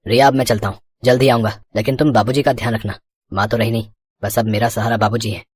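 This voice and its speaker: A woman's voice: extremely low pitch, fairly even intonation, fast talker, a little mellow, breathy edge, no echo, voice pushed down. A woman voicing a stern, protective young adult son who scolds his wife in a storybook cartoon. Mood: pleading.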